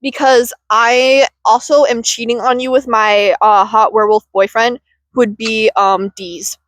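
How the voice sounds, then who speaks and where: A woman's voice: on the high side, fairly even intonation, measured pace, a bit bright, no room sound. A woman co-hosting a podcast in casual chat, playful and giggly, recorded outdoors on a handheld mic. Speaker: podcast co-host. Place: outdoors in the woods. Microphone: handheld mic passed between speakers.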